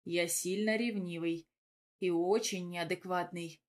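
A woman's voice: fairly low pitch, little pitch movement, moderate pace, natural voice. A woman voicing a joking young man in love. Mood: tender. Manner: affectionate, teasing.

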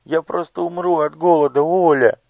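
A man's voice: on the high side, moderate pace, no echo, highs cut off, pitched above the performer's own voice, close to an everyday voice. A man voicing a timid, hungry little girl who pleads and chatters eagerly. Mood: pleading.

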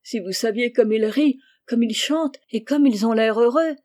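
A woman's voice: fairly high pitch, moderate pace, close to an everyday voice. A woman voicing a cheerful, sensible young servant girl in an audiobook reading, with an encouraging manner. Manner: encouraging, lively.

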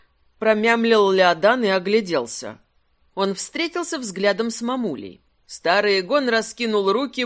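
Audiobook narrator, measured, expressive, mid-range voice, fantasy reading. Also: mid-range voice.

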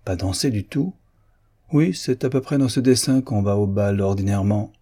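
A man reading a touchy young woman's lines in a period novel, sharp and indignant. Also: on the low side, moderate pace.

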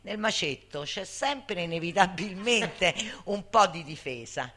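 A veteran activist in her later years speaks as a guest in an impassioned, informal public talk, emphatic and repeatedly seeking agreement through tag questions. Her lowish, fairly bright voice is expressive and unhurried.

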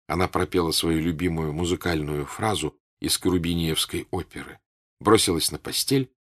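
A man with a husky voice reading literary narration for an audiobook, expressive and melodic. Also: deep voice. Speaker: audiobook reader.

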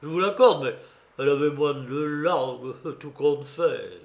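A man voicing a rough, superstitious sailor, loud and excited, in a dramatic novel reading. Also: on the high side, unhurried, highs cut off. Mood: eager.

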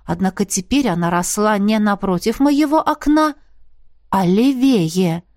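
A woman reading a first-person fantasy novel aloud in a steady, even storytelling voice, close to the mic. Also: mid-range voice, unhurried, no room sound. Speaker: audiobook narrator.

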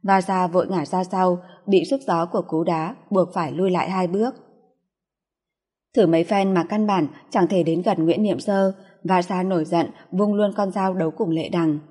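Low, breathy woman narrating a story. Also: fairly even intonation, normal speed, warm tone. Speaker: audiobook narrator. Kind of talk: scripted narration. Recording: long reverb.

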